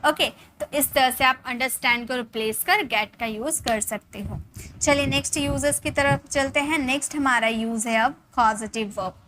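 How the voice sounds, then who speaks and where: Woman, English teacher, high bright voice, slow example sentences, faint background hiss. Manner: asks questions and answers them herself. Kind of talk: spoken English lesson for Hindi speakers.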